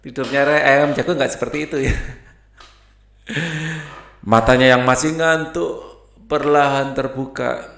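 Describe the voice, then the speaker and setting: A man's voice: medium pitch, steady tone, measured pace, creaky, long pauses, a bit bright, reverberant, a little hiss or hum. A man teaching a primary school textbook lesson in a casual, chatty way, reading aloud and mixing in English words.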